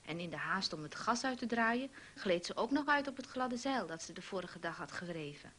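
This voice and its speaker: A woman narrating a story for children, gently asking the young listener questions. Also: mid-range voice, expressive, normal speed, breathy edge.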